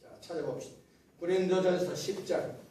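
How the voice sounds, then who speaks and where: A man preaching a Sunday sermon as pastor, telling scripture stories in a lively way and asking the congregation questions he then answers himself. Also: sits high, normal speed. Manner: lively storytelling retelling of scripture. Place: church sanctuary. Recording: very echoey church hall, mic at a distance.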